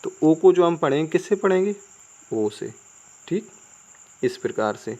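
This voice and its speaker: An Indian man teaching English spelling in Hindi. He talks casually, spells words out letter by letter and keeps asking the viewers whether it is clear. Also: on the high side, big pitch swings, unhurried, a little mellow. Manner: chatty, asks the viewers "clear?" often. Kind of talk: casual Hindi classroom explanation.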